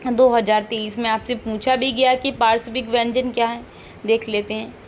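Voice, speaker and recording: A woman's voice: fairly high pitch, level tone, moderate pace, a little hiss or hum. A woman teacher giving an online lesson, patiently repeating each point, modeling sounds aloud and checking in with frequent questions.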